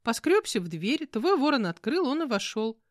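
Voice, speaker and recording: A sweet, fussy young girl chirps her lines high and loud, full of bright exclamations, voiced by a woman reading an audiobook. The recording is dry and close. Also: very animated, moderate pace, no echo. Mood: cheerful.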